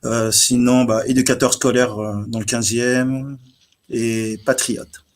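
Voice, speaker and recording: A man from France who is a former soldier and school educator, introducing himself casually in a halting way. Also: mid-range voice, level tone. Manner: halting, with many fillers.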